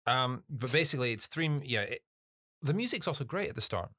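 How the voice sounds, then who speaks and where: Animated man reviewing films. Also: mid-range voice, a little fast, no echo. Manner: animated, rambling, emphatic. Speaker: podcast co-host. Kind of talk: casual film review chat.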